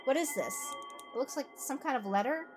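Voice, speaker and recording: A female game streamer with a high, expressive voice moves briskly through a game, reading its text aloud as music plays. Her tone is sardonic, and she keeps up a stream of casual wisecracks.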